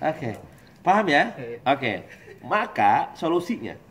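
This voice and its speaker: Lively joking man preaching to a group. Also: on the high side, very slow. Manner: lively, joking, acts out husband and wife voices. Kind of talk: religious study talk.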